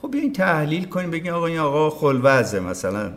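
A man's voice: on the high side, sing-song, fairly bright tone. A man, a veteran broadcaster, talking as a podcast guest in casual conversation, emphatic and opinionated, often acting out what others said. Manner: emphatic, opinionated, acts out quoted speech.

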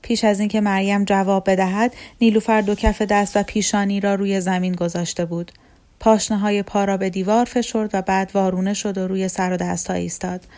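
A woman from Iran narrating a novel in a calm, measured audiobook reading. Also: medium pitch.

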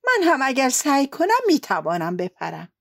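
A woman voicing a small, tired dove that speaks softly and plaintively. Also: high-pitched, wildly swooping pitch, vocal fry, no room sound, studio quality, voice pushed up, heavily acted.

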